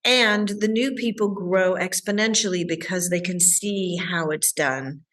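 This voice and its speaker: A woman's voice: lowish voice, unhurried, a bit bright. A woman relationship coach, a guest in an interview, answering with enthusiasm and acting out the voices of her clients.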